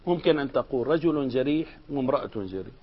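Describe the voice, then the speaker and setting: A man teaching a classroom grammar lesson, explaining lively and asking his students questions. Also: mid-range voice, fast, breathy edge, muffled recording.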